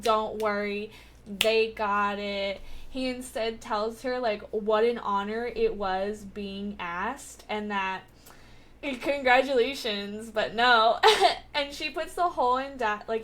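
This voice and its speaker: Young woman, chatty, giggly, slightly high voice, slow unhurried delivery, casual show recap. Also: fairly bright tone. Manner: chatty, giggly, lots of "like" fillers. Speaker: TV recap vlogger.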